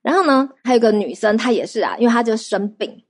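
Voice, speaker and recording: A woman preaching, her voice sitting a little higher than most. She tells testimonies in a lively, conversational way and keeps asking her listeners questions. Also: fast talker. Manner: lively storytelling with rhetorical questions to the audience. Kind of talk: sermon.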